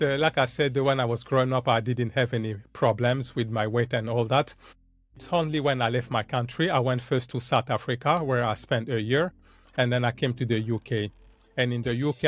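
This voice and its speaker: A man from the Democratic Republic of Congo, a podcast guest, talking earnestly in casual interview talk, with frequent "uh" and "basically" fillers. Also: medium pitch.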